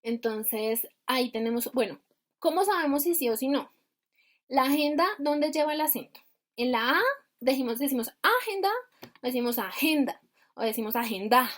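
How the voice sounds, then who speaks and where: A woman's voice: high voice, normal speed. A woman teaching grammar over a video call, explaining step by step and asking rhetorical questions. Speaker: grammar instructor.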